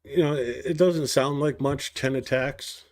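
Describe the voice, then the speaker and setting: On his daily news stream, an English-speaking host with a mid-range, steady voice reads war reports aloud at a slow pace. He stumbles on hard foreign place names and drops in casual comments.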